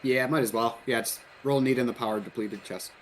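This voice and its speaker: A man giving short casual callouts to his group in online game voice chat over clear noise. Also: medium pitch, fairly even intonation, fairly quick. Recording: noisy gaming voice chat.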